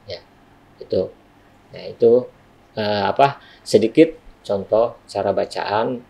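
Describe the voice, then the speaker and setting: A man's voice: fairly low pitch, takes it slowly, vocal fry, dark tone. A man teaching a recitation lesson to students in a school studio, explaining patiently with frequent "ya" tags.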